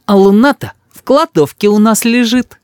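A man's voice: moderate pace, clear, resonant tone, dry recording, studio quality, natural voice. A man reading an audiobook and voicing a bold, spoiled little boy who shrieks and demands. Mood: smug. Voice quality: shrill, shouting.

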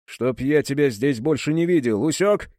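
A man's voice: medium pitch, expressive, moderate pace, a little mellow, no room sound, studio quality, close to an everyday voice. A man voicing a menacing shaven-headed male thug boss who talks in a threatening, bossy way.

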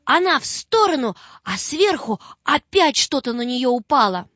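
A woman narrating a children's story in an expressive storytelling manner. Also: high voice, normal speed, dry recording. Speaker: audiobook narrator. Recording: dull dry recording with faint music.

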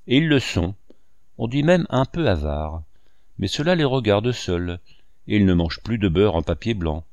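An aging male painter from a storybook, wry and wistful with a proud streak, rambling on to his housekeeper, as a man reading the tale puts him on. His voice sits low and sounds dry and close. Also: expressive, moderate pace, darkish tone, no echo, muffled recording. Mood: wry musing. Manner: wry musing monologue addressed to a housekeeper.

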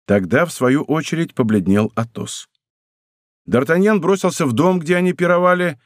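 A man narrating an audiobook in a measured, expressive reading from a studio. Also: a little high, no room sound. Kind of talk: scripted narration.

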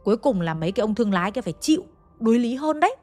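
Her voice is fairly high and sing-song, very fast, with a darkish tone, and faint music plays behind it. She's a young woman with a Hanoi accent, narrating a ghost story conversationally and addressing her listeners head-on.

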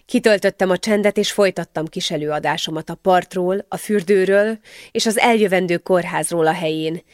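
A woman narrating a novel in the first person, with a measured, expressive reading. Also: fairly low pitch, dry recording, clean studio sound. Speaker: audiobook narrator.

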